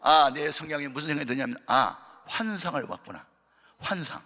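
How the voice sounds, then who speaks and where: A man preaching as a pastor, telling a testimony sermon with dramatic storytelling, acting out voices and shouting at the peaks. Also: fairly high pitch, lively intonation, fairly quick. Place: church hall of a prayer retreat. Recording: reverberant large hall.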